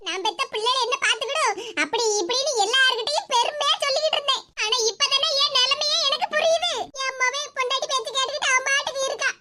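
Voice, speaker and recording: A shrill, squeaky old cartoon mother, as a woman puts her on, grumbling and self-pitying, snapping sarcastic complaints at her child. The voice sits extremely high, and loud noise hisses underneath the whole recording. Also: fast talker. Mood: scolding. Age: older.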